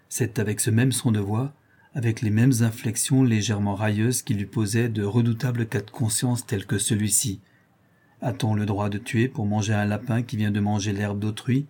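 A man narrating a novel aloud in a measured, expressive reading. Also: fairly low pitch, slightly rough. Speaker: audiobook narrator.

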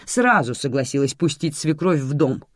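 A storyteller reading a family drama in expressive scripted narration. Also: medium pitch, normal speed, no room sound, clean studio sound.

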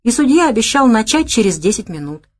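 A woman's voice: fairly high pitch, big pitch swings, fairly quick, voice pushed up. A woman voicing a meek, dutiful young man who runs errands. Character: young male errand boy, obedient.

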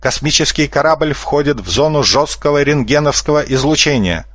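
A man's voice: fairly high pitch, expressive, moderate pace, fairly bright tone, no echo, voice pushed up. A man doing a sly, bossy fox swindler. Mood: smug. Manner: brash, bossy, smooth-talking. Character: sly red-haired male fox swindler.

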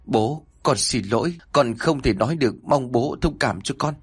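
A man voicing a frightened young woman who speaks softly through tears, in a husky voice. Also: medium pitch, expressive, normal speed, no room sound, voice pushed up. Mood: tearful. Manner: soft, sobbing, apologetic.

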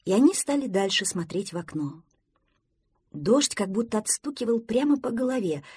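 Lively woman reading a children's story. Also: mid-range voice, normal speed, slightly rough, dry recording, clean studio sound. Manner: expressive, animated reading.

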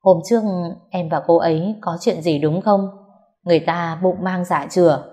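A woman voicing an estranged young husband who speaks quietly and hesitantly, trying to stay calm. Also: fairly low pitch, normal speed, lightly acted. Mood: subdued.

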